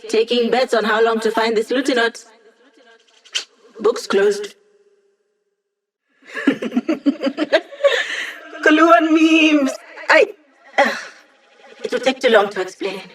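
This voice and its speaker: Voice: mid-range voice, slow, pauses often, fairly bright tone, rough recording. An actor voicing a disembodied hacker in a video game, with a casual, wry, teasing, techy way of talking to a squad. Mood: playful, upbeat. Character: disembodied digital hacker, playful, nerdy, supportive squad tech operator. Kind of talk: video game voice lines, conversational.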